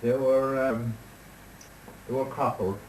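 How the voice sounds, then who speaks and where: An older man from Ireland recalling local history, speaking slowly and haltingly with many pauses. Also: mid-range voice, little pitch movement, a little mellow, roomy sound, a little hiss or hum, poor audio. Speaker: local interviewee.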